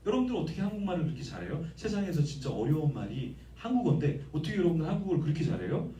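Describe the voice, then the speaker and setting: A male pastor preaching a sermon in lively, conversational style, often asking the congregation questions. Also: a little high, very fast, roomy sound, recorded from a distance, a little hiss or hum. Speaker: guest pastor. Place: church sanctuary.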